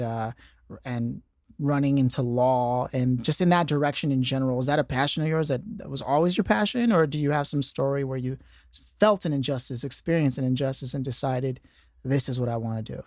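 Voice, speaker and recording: A man's voice: medium pitch, darkish tone, dry recording. Earnest male podcast host, dry close sound. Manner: earnest, repeats and restarts words. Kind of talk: podcast intro and interview.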